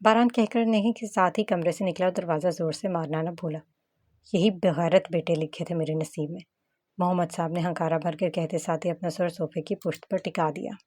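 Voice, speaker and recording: A woman's voice: lowish voice, a little fast. A woman narrating a romance novel as an audiobook reader. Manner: steady storytelling.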